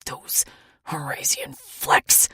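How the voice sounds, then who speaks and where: A woman's voice: very slow, pushed and bright, dry recording, clean studio sound. Blunt alien warrior man, read by a woman. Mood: gruff, protective. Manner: clipped, formal speech without contractions. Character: stern, blunt male alien warrior, tall.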